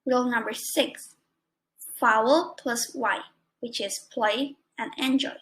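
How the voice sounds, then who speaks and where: A woman's voice: on the high side, slow pace, fairly bright tone, low-quality recording. A young woman student with an Indonesian accent, reading a prepared grammar lesson carefully, word by word. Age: young adult. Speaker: student presenter.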